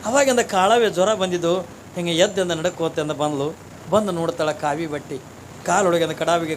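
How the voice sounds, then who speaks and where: Brief: male preacher, very high voice, rhetorical storytelling. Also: a little hiss or hum. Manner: rhetorical, asks the audience questions. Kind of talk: sermon storytelling.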